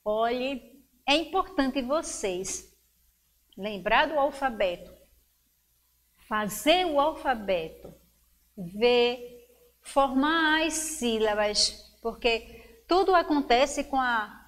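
A woman's voice: high-pitched, animated, extremely slow, pauses often, a bit bright. A woman teacher giving a lesson to young children, encouraging them and stretching words out syllable by syllable. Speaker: schoolteacher.

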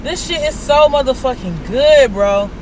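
A man's voice: very high voice, animated, a little slow, slight background noise. A young man vlogging while talking as he chews, profane and full of slang. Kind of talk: casual vlog. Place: in a parked car.

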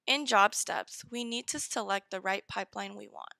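A woman narrating a step-by-step software tutorial in short, direct instructions. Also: medium pitch, normal speed, vocal fry, no room sound, rough recording. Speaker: software demo presenter.

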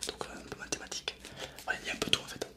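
A young adult man hosts an ASMR video from a small indoor setup, whispering softly into a close, ear-shaped binaural microphone. His unvoiced, library-style whisper is informal and chatty, rapid-fire, and aimed straight at viewers.

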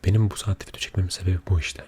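A man speaking quietly at night in a soft-spoken, confiding ASMR chat, unhurried and often dropping close to a whisper. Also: low-pitched, little pitch movement. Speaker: ASMR video creator. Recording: audible background noise.

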